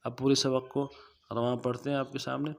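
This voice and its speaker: A male Quran teacher from Pakistan with a Pakistani Urdu accent, chanting verses slowly and melodically, then quickly explaining pronunciation errors. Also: medium pitch, flat delivery, gravelly. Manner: alternates slow melodic recitation with quick spoken explanations. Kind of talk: tajweed lesson, chanted recitation with spoken corrections.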